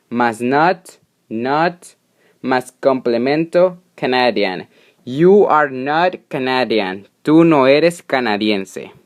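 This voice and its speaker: A man teaching English grammar, native Spanish speaker, explaining patiently step by step and repeating each example. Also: medium pitch. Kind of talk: slow explanatory grammar lesson.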